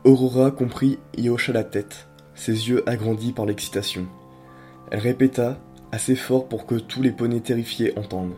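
A man narrating a dark story in a steady, dramatic reading voice. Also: medium pitch, moderate pace, soft background music.

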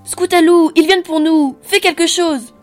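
A man voicing a frightened young female pegasus pony in a dramatic story reading, pleading in a high voice. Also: normal speed, a little mellow, soft background music. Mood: panicked.

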